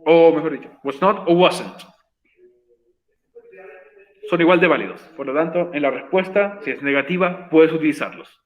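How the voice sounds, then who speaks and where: A man's voice: a little high, brisk, echoey room, lo-fi sound. A man teaching an online English class, patient and encouraging, explaining step by step.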